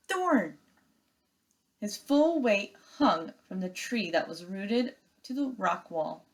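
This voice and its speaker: Her voice is lowish and the audio is poor as this woman teacher reads aloud and guides young pupils through step-by-step directions with expressive emphasis.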